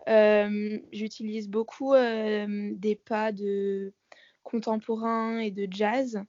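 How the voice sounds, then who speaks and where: A woman's voice: medium pitch, flat delivery, slow, darkish tone, dry recording. An eighteen-year-old woman, a dancer, chatting loosely with plenty of fillers while heard over a phone call line. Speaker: dancer, interview guest. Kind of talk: casual chat.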